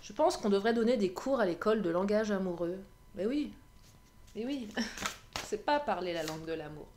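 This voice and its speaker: A woman's voice: mid-range voice, lively intonation, normal speed, a little mellow. A woman talks through a love card reading in a loose, chatty way, laughing often and repeating her phrases. Her voice sits in a middle register. She is recorded in a roomy, echoey space with faint background hiss. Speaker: tarot and oracle card reader. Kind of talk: casual card-reading monologue. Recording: echoey room with faint noise.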